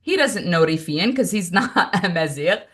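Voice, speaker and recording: A woman from Morocco, a native speaker of Moroccan Arabic, tells a family story as a podcast co-host in a laid-back chat, full of animation, emphasis, and laughter. Her lowish voice is husky and moves at a normal speed.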